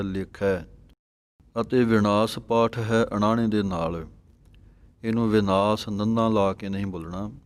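A man teaching correct recitation of scripture, chanting verses slowly and then explaining the pronunciation. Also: on the low side, darkish tone. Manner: slow, measured chanting of verses between explanations.

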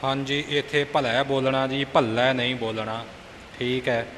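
Man, mid-pitched teacher, patient corrections of pronunciation, long hall reverb, faint hiss. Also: steady tone, a bit bright. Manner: patient, corrects pronunciation by repeating words slowly. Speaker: recitation teacher. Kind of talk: pronunciation coaching.

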